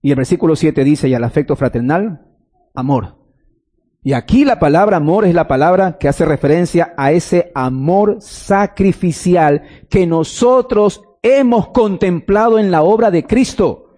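Man preaching, high voice, mellow tone, lively storytelling sermon. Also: a little slow. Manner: storytelling, acting out quoted lines.

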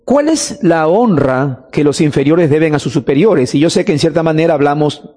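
A man's voice: on the high side, animated, normal speed, dark tone, long reverb tail. A man preaching a sermon, emphatic, drawing out key words and asking rhetorical questions.

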